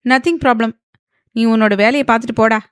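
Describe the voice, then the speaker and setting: A woman's voice: fairly high pitch, moderate pace, dry recording, studio quality, pitched above the performer's own voice, natural voice. A woman voicing a cheeky young wife. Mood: sassy. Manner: cheeky, sarcastic. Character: sassy, playful young wife.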